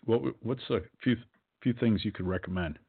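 A male host with a somewhat low voice who listens, agrees briefly and then asks thoughtful questions. He comes through a narrow, phone-like line. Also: normal speed, breathy edge. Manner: agreeable, brief acknowledgements, reflective. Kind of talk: interviewer in conversation.

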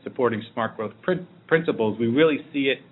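A man explaining things as an interview guest in a measured way. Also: medium pitch. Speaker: interview guest, regional planning director. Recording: narrow muffled phone-like sound with faint noise.

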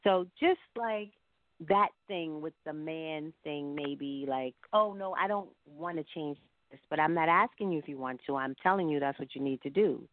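A woman with a low voice talks at a moderate pace as a casual interview guest, a singer and entrepreneur who stresses her points emphatically and repeats phrases to hammer them home. The recording is dry and comes through a thin telephone line.

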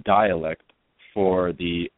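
A man's voice: sits low, fairly even intonation, extremely slow, no room sound. A man, an actor and producer, explaining his work earnestly in an interview. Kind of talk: interview answers. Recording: phone-like line, dry.

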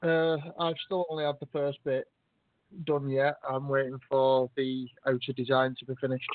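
A tired man in pain calling in to a radio show over a phone line, soft-spoken with small laughs. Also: medium pitch, level tone, moderate pace. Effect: caller heard over a phone line. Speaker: international caller reading poetry.

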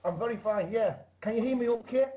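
A man's voice: high voice, fast talker, phone-quality sound. A man with a British accent, a musician giving a casual call-in interview. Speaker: interview guest, band musician. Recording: thin internet call line.

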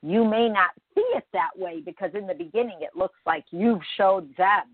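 A woman's voice: medium pitch, normal speed, no room sound, narrow, tinny audio. A woman hosting a morning show, talking conversationally and emphatically straight to her listeners in a reflective spiritual monologue.

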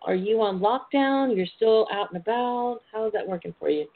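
A woman's voice: medium pitch, moderate pace. An American woman hosting a casual phone-in talk show in a sassy, playful, chatty way. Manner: sassy, playful, uses endearments like darling and honey. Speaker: talk show host and intimacy coach. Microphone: telephone. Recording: tinny phone line with clear noise.

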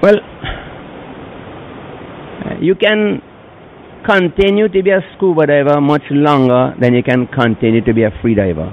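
An older man, a retired diver running a sanctuary, answering interview questions in an unhurried storytelling way. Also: fairly high pitch, lo-fi sound, a little hiss or hum. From Bequia, Saint Vincent and the Grenadines. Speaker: turtle sanctuary keeper, interviewee.

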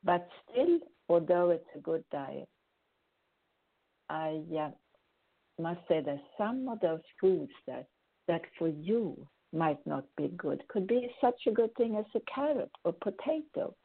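Woman, host, earnest rambling advice, gravelly, phone-like sound. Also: on the low side, animated, a little slow. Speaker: host answering listener questions. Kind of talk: spoken advice talk. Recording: tinny phone-like audio.

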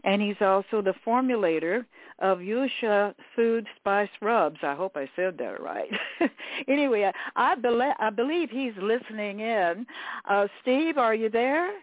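A woman's voice: medium pitch, animated, measured pace, dry recording. A woman hosting her own radio segment, interviewing a guest in a rambling, friendly way with many fillers. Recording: tinny phone line, dry.

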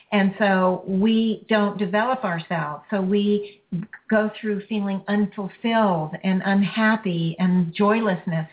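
A woman hosting a healing show, leading a caller through a release in slow, soothing, repetitive phrases. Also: mid-range voice, a little hiss or hum. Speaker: energy healing radio host. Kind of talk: guided healing session with a caller. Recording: phone-like lo-fi audio.

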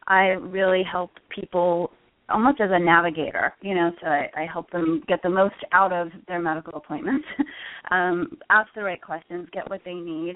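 A middle-aged woman from Connecticut, in the United States, with a lowish voice, gives conversational answers about her own story as an interview guest. She works as a health coach, and the dry recording comes over a tinny, narrow-band phone line.

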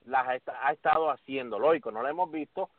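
A man hosting a casual sports podcast, talking in an animated way and calling his co-host by name. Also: mid-range voice, fast talker, dry recording. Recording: tinny phone-like audio.

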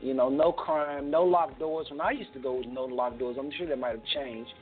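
A man's voice: medium pitch, fairly even intonation, moderate pace, faint music behind. A man hosting a phone interview in a folksy, chatty way, often cutting in on his guests. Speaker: host. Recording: tinny phone line.

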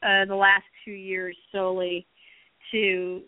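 A woman's voice: medium pitch, completely flat delivery, takes it slowly, no echo. A middle-aged American woman, a screenwriter guest on the phone, talking passionately and rambling with many restarts. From United States. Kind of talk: phone-in interview. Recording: tinny phone line.

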